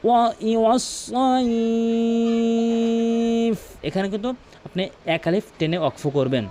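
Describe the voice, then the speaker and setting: A man teaching Quran recitation in a lesson, explaining each sound and then chanting the verse slowly. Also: on the high side, expressive, a little mellow.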